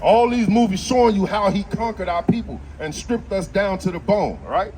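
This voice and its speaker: A man preaching on a city street outdoors, arguing forcefully and quoting scripture. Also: high-pitched, moderate pace, slight background noise. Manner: forceful, argumentative, quotes scripture. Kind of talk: street preaching and Bible teaching.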